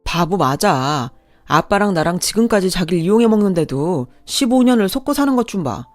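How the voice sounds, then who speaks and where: A woman's voice: fairly low pitch, expressive, brisk, no room sound, close to an everyday voice. Woman playing a mocking scheming son. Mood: contemptuous. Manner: contemptuous, mocking.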